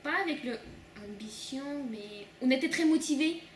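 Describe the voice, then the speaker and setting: A young woman, a student, speaking soft, hesitant learner's French with many fillers. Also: high voice, lively intonation, moderate pace. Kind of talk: interview answers. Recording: echoey room, far mic, noise.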